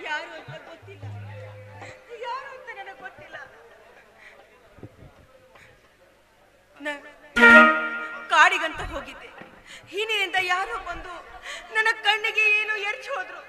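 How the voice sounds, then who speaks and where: A frightened young village wife, newly blinded, rushes through a high, thin lament, played by a man. Her very high voice is heard from far off. A loud live band and a noisy crowd fill the recording. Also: loud music behind the voice. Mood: distraught. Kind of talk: village stage drama.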